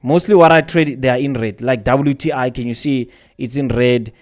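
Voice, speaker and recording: A man's voice: medium pitch, moderate pace, a little mellow, faint music behind. Rambling male livestream host. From South Africa. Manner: rambling, repeats words, answers viewers' chat questions. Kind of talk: casual livestream chat.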